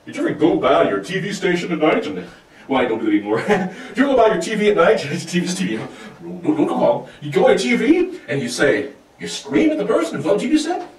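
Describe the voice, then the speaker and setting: A man delivering a rambling comic rant, swinging wildly in pitch and loudness and laughing as he goes. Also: wildly swooping pitch, fast talker. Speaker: comic monologue host. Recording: roomy echo, distant from mic.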